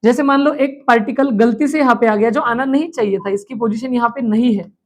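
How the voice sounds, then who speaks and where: Brisk, high-voiced woman teaching chemistry. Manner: asks students' questions aloud and answers them; repeats key terms slowly for emphasis. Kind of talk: exam revision lecture.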